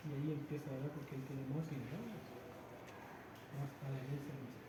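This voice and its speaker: A man's voice: medium pitch, level tone, quick pace. A man instructor, leading a hands-on practical class demonstration and explaining step by step while checking in with his students. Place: practice room with a treatment table. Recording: echoey room with loud background noise.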